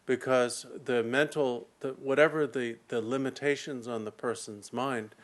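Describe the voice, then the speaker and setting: A man interpreting a dharma teaching, speaking at a middle pitch in an unhurried, explanatory way. He lays out each point carefully and pauses now and then to find the right words. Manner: measured, explanatory, with occasional pauses.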